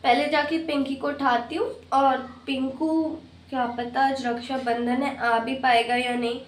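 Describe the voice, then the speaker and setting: Brief: fussing daughter-in-law and mother in a home skit, played by a woman, high voice. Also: steady tone, unhurried, slight background noise. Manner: grumbling, fussing over chores. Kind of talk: comic family skit.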